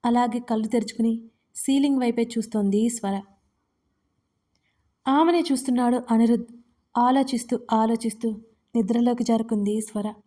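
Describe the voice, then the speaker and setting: Woman reading a love story aloud, fairly high voice, steady and expressive. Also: moderate pace, pauses often. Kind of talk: reading a romance audio story.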